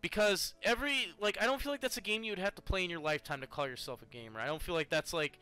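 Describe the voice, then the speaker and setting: Bright-voiced man, playful gaming chat. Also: sits high, fast talker, clean tone, no room sound. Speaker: co-host.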